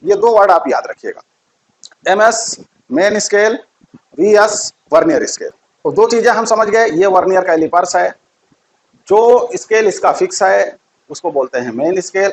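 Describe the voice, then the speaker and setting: High-voiced man teaching physics. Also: animated, moderate pace, low-quality recording. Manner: repeats key terms, asks quiz questions. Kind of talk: classroom physics lesson.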